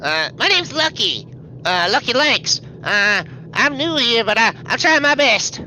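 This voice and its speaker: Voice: mid-range voice, big pitch swings, measured pace, pushed and bright, a little hiss or hum, heavily acted, poor audio. A game master voicing an eager, bumbling, condescending young man who stammers and apologizes in a tabletop game. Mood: eager, apologetic. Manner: stammering, flustered, over-apologetic. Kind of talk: tabletop role-play character voice.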